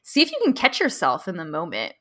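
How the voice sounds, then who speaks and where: A woman's voice: fairly low pitch, wildly swooping pitch, quick pace, a bit bright. A woman co-hosting a podcast in casual chat, playful and laughing often as she talks things through. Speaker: podcast co-host.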